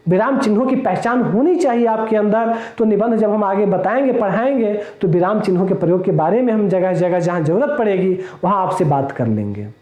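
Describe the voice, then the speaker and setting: A male teacher giving a lecture in a classroom, explaining slowly, repeating his points and asking the class rhetorical questions. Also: high-pitched, animated, mellow, roomy sound, muffled recording.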